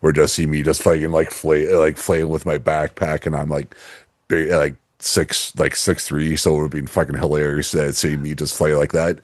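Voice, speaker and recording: A man co-hosting a podcast in a casual, rambling way, piling up fillers and false starts. His voice sits very deep and low. The recording is close and dry. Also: little pitch movement, normal speed, dry recording. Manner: rambling storyteller, many fillers and restarts, laughs easily. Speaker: podcast co-host. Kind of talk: casual chat.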